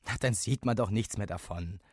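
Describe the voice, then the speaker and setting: An older grandmother, slow and gently coaxing, as a man puts her on. Her words come drawn out and soft-edged. The sound is dry and close. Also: lowish voice, husky, no room sound.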